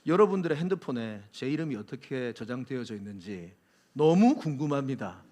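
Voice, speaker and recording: A male pastor preaching a sermon in an animated way, joking with the congregation and acting out quotes. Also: medium pitch, brisk. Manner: jokes with congregation.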